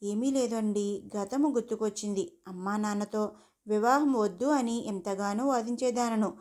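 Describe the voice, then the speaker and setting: A woman voicing a gentle young wife who talks in a soft, earnest, confiding way. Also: medium pitch, moderate pace, natural voice.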